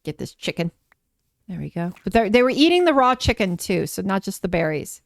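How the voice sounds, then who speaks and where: A woman streamer giving casual live gameplay commentary, gushing and excitable as she talks to herself and her chat. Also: mid-range voice, a little fast, vocal fry, no echo.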